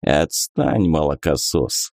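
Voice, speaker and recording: A man voicing a hooded, grumpy male spirit of the dead in a storybook, hoarse, gruff and dismissive. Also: on the low side, big pitch swings, slow, dark tone, dry recording, studio quality, full character voice. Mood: grumbling. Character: hooded male death-spirit guide, grumpy, world-weary.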